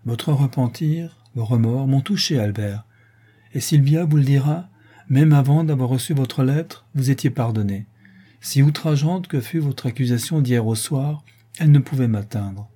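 Soft but firm young fiancée, read by a man, mellow husky tone, dead serious. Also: mid-range voice, normal speed, lightly acted. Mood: firm, solemn. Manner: soft yet resolute, solemn.

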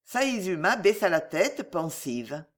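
A woman narrating a dramatic novel as an audiobook in a measured, lowered voice. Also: sing-song.

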